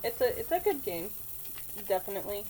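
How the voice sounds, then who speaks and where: A woman co-hosting a casual game review chat, easygoing and quick to laugh. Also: medium pitch, big pitch swings, dark tone. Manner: chatty and easygoing, laughs often. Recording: noisy background hiss.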